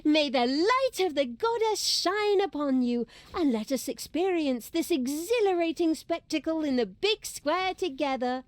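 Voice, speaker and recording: Game cast: a very high-voiced, slow-spoken young priestess who is sweet and earnest. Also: female voice, expressive, no room sound. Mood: cheerful. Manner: sweet, earnest, flustered, then gleeful menace. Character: young female priestess turned dark sorceress. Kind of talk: game cutscene voice acting.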